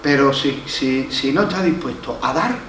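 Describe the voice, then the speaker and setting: A pastor speaking Andalusian-accented Spanish tells a story from the pulpit of a church hall, impersonating its voices and stressing key lines through repetition. His mid-range voice is a bit bright at a moderate pace, and the sound is roomy, distant and faintly noisy.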